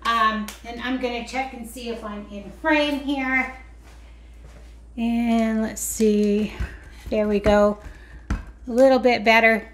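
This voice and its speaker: A woman's voice: fairly high pitch, steady tone, takes it slowly, pauses often, a little hiss or hum. A woman vlogger chatting casually while making a craft, rambling and teasing herself as she goes. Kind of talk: casual how-to chat. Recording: roomy echo with faint clicks.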